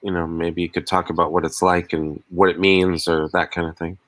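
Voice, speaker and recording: A man's voice: deep voice, level tone, fairly quick, a bit bright, no room sound. A man asking the host hesitant questions on a podcast, searching for his words.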